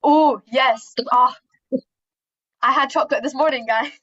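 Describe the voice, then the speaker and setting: Upbeat lady doing a jokey presentation on a video call, kinda high voice, dull muffled sound. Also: measured pace, fairly bright tone, breathy edge. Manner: chatty, upbeat, self-deprecating humor. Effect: heard over a video call. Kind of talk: casual presentation with jokes. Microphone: computer mic on a video call.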